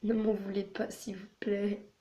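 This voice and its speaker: A woman with a hoarse voice chatting casually while playing a game, rambling with lots of filler words. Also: medium pitch, flat delivery, measured pace, dark tone. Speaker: channel host. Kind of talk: casual gaming vlog chatter.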